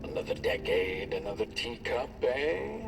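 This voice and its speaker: A man voicing an old friendly male fisher who chuckles and muses slowly. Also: mid-range voice, very animated, creaky, long reverb tail. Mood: musing. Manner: chuckling, musing. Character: old friendly male fisher spirit under a big hat. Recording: distant voice with music behind.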